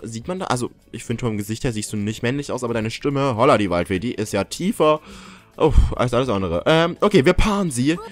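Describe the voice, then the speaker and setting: A man's voice: medium pitch, animated, fairly quick, no echo. A young man giving casual, jokey commentary while playing a life-simulation game, yelping and swearing when something startles him. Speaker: gaming YouTuber. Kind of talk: casual let's-play commentary.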